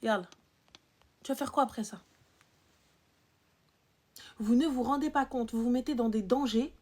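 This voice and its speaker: A young woman with a high voice delivers a heated live-stream rant. She scolds her audience, fires off rhetorical questions and lurches between loud outbursts and low muttering. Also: moderate pace. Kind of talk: ranting live-stream monologue.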